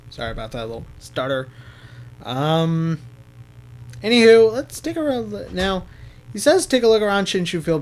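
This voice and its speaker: A man giving casual gameplay commentary as a let's-play host, rambling and correcting himself as he goes. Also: a little high. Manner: rambling, self-correcting, laughs at own slips.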